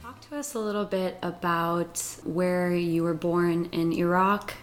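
A woman hosting a podcast, reading promos and sponsor thanks briskly and then asking her guest gentle, probing questions. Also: on the low side, fairly even intonation, music in the background. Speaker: podcast host. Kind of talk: podcast intro and interview.

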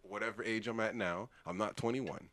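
Low-voiced slangy man in his thirties. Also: steady tone, moderate pace, fairly bright tone. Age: 30s. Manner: slangy, profane, repetitive. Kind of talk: casual group banter and storytelling.

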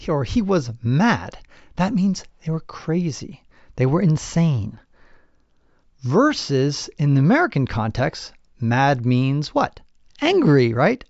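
A man hosting a podcast, talking casually with animated, opinionated asides. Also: fairly high pitch, a little slow, creaky, no echo, muffled recording. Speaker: podcast host.

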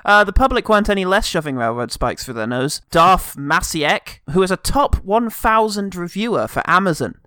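Bright, animated British man who says th as f. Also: high voice, moderate pace, few pauses, no echo, clean studio sound. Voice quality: th-fronting, says th as f. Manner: wry, jokey. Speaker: film review podcast host. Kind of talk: comedic scripted review mixed with banter.

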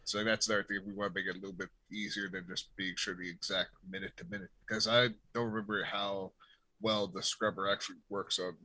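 A man co-hosting a podcast in relaxed, casual conversation. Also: deep voice, fairly quick, no echo, poor audio. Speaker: podcast co-host. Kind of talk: casual chat.

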